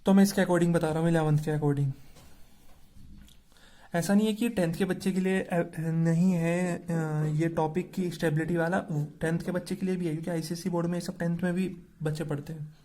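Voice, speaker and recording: A man's voice: fairly high pitch, steady tone, normal speed, mellow. A man teaching a chemistry lesson, asking questions and answering them himself.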